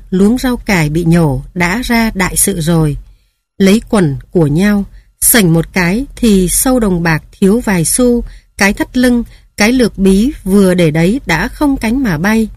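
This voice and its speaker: A woman narrating a story in a calm, measured reading voice. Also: medium pitch, no echo, studio quality.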